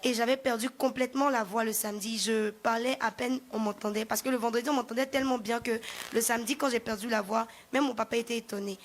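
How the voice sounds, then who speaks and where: A woman's voice: fairly high pitch, steady tone, fast talker, a little hiss or hum. A young woman from the congregation giving a personal testimony, telling her story plainly step by step. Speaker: church member giving testimony.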